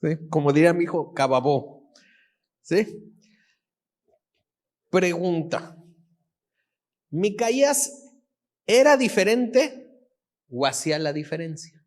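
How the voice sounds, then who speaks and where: A man's voice: sits high, animated, slow pace, pauses often. A middle-aged male pastor with a Mexican accent gives a casual, storytelling sermon. He acts out the dialogue and keeps checking in with the congregation. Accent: Mexican Spanish.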